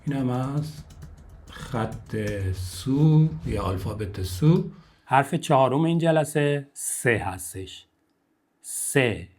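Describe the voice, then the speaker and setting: A man's voice: medium pitch, darkish tone, a little hiss or hum. A man teaching a step-by-step Japanese lesson, counting the strokes aloud and repeating each syllable for learners to copy.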